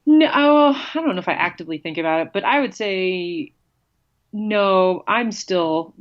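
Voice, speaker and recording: A woman's voice: mid-range voice, expressive, measured pace, highs cut off. A woman in a casual interview, speaking candidly and bluntly as a former pro cyclist guest, laughing often.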